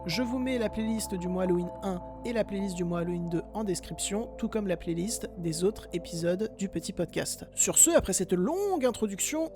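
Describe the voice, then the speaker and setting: A woman's voice: medium pitch, mellow. Chatty woman hosting a film podcast. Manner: chatty, self-mocking asides to listeners. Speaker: podcast host, film reviewer. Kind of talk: casual film review podcast.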